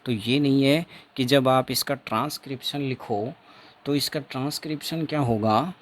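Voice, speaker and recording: A man's voice: medium pitch, normal speed. A man teaching an exam-prep phonetics lesson, repeating each sound and example several times.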